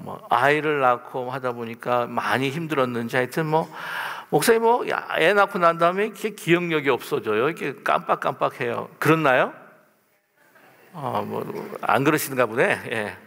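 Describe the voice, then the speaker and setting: Gravelly male pastor preaching in a reverberant church. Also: medium pitch. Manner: lively, conversational preaching with questions to the congregation. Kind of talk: sermon. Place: church sanctuary, at the pulpit.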